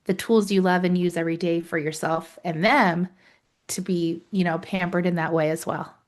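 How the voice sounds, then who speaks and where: A woman's voice: lowish voice, fairly even intonation, moderate pace. A woman co-hosting a podcast, chatting in an upbeat, friendly way and speaking straight to her listeners. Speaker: podcast co-host. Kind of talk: casual podcast chat.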